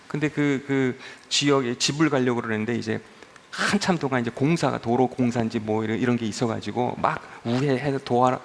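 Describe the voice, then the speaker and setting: A man's voice: medium pitch, gravelly, slight background noise. A man preaching a sermon as pastor, conversational and humorous, often asking the congregation questions.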